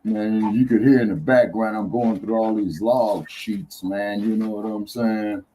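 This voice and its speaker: Slow-drawling man hosting a talk show. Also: lowish voice, fairly even intonation, mellow, slight background noise. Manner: loose, heckling, drawling asides. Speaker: podcast host. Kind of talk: casual talk show chat.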